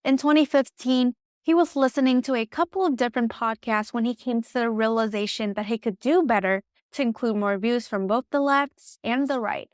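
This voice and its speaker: A woman narrating a podcast in a smooth, even, scripted delivery. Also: on the high side, a little fast, few pauses, no room sound, clean studio sound.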